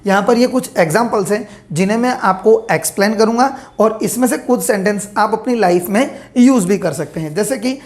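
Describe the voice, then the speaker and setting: In a grammar lesson, a woman with a medium-pitched, darkish voice dictates sample sentences slowly. She raises questions and goes on to answer them herself.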